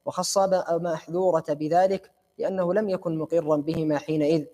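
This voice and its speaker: Brief: man reader, mellow tone, fast flat delivery, long reverberant hall. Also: a little high. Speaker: student reading the text aloud. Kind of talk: reading a classical text aloud.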